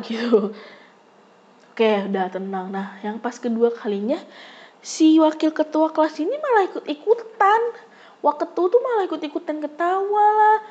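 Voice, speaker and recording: Young woman, bit high voice, telling a story all animated, dull lo-fi mic. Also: moderate pace. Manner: animated, jumps high when acting out arguments. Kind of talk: casual storytelling.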